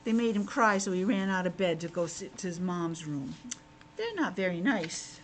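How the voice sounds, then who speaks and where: Reading a picture book aloud to little kids, this teacher speaks in a lowish, animated voice at normal speed, stopping occasionally for simple chatty asides. There's noticeable noise in the background.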